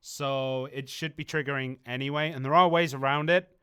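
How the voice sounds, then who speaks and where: On a game livestream, a community manager casually fields viewer questions, rambling through his explanations with plenty of ums and restarts. His medium-pitched voice is steady and clean, pushed and bright, moving at a moderate pace.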